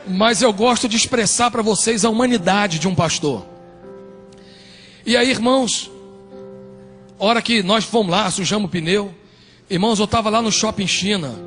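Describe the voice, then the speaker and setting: A man with a Brazilian accent preaching a sermon as pastor, telling stories with humor and acting out voices. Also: high-pitched. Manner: animated, humorous storytelling that acts out voices. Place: church sanctuary, indoors. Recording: reverberant church hall, faint music.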